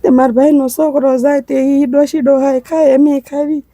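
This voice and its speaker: A woman, crying as she tells of her hardship in a halting, pleading way. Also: high voice, flat delivery, warm tone, no echo. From Gujarat. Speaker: interviewee, widowed mother. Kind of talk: emotional testimony.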